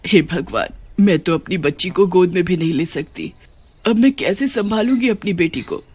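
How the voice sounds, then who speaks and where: A woman's voice: on the low side, normal speed, darkish tone, slightly rough. A woman voicing a widowed mother who has become a witch ghost in a cartoon, speaking in a lamenting, emotional way. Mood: anguished.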